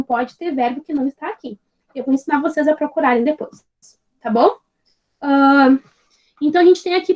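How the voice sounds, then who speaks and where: A woman's voice: high voice, a little mellow, lo-fi sound. A woman teaching an English grammar lesson, patient and explaining step by step, checking in with her students after nearly every phrase. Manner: spells out examples slowly and clearly.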